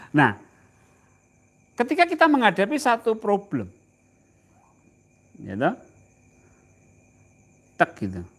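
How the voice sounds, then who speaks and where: A man with a Javanese accent leads an informal religious study session. His voice sits high and leaps up and down with emphasis. He talks slowly, stretching key words, and turns to his listeners with questions. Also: wildly swooping pitch, husky. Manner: asks the audience questions, drawn-out emphatic phrasing. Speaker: religious teacher. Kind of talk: informal religious lecture to a live group.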